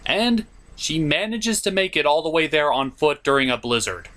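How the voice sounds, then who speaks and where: A man hosts a comedic cartoon review, recapping the plot with sarcasm, mock drama, and profanity. His voice is a little high and fairly bright, with big pitch swings at a moderate pace.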